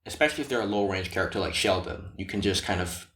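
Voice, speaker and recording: A man co-hosting a casual chat about game design, talking in an animated, rambling way. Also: fast talker, echoey room. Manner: animated, rambling, bouncy pitch. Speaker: podcast co-host.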